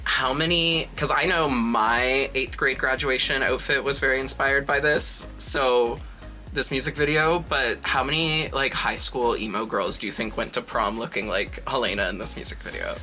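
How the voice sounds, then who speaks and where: A man's voice: mid-range voice, moderate pace, pushed and bright, soft background music, rough recording. A man with a sassy drag queen manner, giving casual, dramatic and emphatic reaction commentary.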